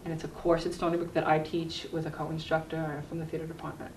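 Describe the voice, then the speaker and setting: Deep-voiced and level, speaking at a quick pace with a slightly mellow tone, a middle-aged woman talks earnestly about her work. She is a university health educator appearing as a guest in a conversational interview for a cable TV program, recorded in an echoey room with a distant mic and faint noise.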